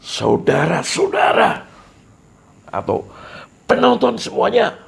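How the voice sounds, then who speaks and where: A middle-aged man coaching public speaking, talking slowly and deliberately and demonstrating rhythm and emphasis aloud. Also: sits high, big pitch swings, gravelly, slightly rough. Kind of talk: instructional talk to an audience.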